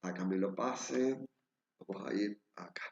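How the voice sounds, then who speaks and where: A man's voice: lowish voice, unhurried, creaky. A man with an Argentine accent, a translation instructor giving a patient screen-share lecture and pointing out details as he goes. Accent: Argentine Spanish. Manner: patient, repeatedly pointing things out. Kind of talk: screen-share lecture walking through reference dictionaries. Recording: roomy, slightly dull recording.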